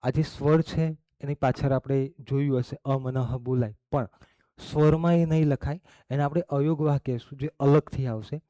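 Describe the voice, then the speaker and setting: In this classroom lesson, a man speaks at medium pitch in a steady, warm tone, with no echo on the recording. He takes it slow, laying out each step and regularly asking "okay?" or "barabar?" to check his students are following.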